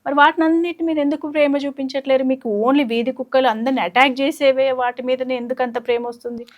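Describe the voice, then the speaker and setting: Woman, talk-show host, indignant, rapid talker, higher voice. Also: level tone. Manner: indignant, agreeing with quick backchannels.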